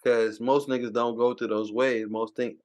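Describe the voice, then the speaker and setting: A man's voice: medium pitch, flat delivery, moderate pace, darkish tone. A man in casual podcast chat, talking in laid-back slangy banter. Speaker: podcast co-host.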